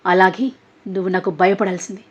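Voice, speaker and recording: A woman's voice: mid-range voice, little pitch movement, fairly quick, breathy edge, lightly acted. A woman voicing an obsessive, hot-tempered young man who talks intensely and demands. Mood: possessive. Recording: dull lo-fi audio.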